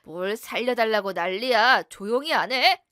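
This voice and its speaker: A woman's voice: a little high, lively intonation, normal speed, sharp tone, no echo, studio quality. A woman voicing a young husband who bullies and threatens his wife, then turns fake-polite. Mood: menacing. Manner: threatening, then smooth and apologetic.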